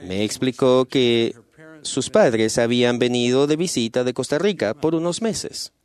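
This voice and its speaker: A man speaking at a church meeting, telling a personal story as a sermon in a measured, earnest way and slowing on key phrases. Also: medium pitch, a little mellow, clear, resonant tone.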